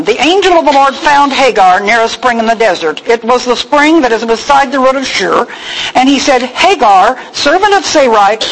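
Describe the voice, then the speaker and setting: An older woman teaching a Bible lesson in a chatty, expressive sermon with humorous asides. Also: fairly high pitch, slight background noise, poor audio. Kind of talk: conversational sermon.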